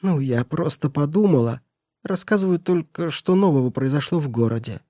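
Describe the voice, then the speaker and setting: A man's voice: on the high side, animated, moderate pace, mellow, no room sound, studio quality, voice pushed up, lightly acted. A man doing a sly, spiteful old housekeeper. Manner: sly and needling.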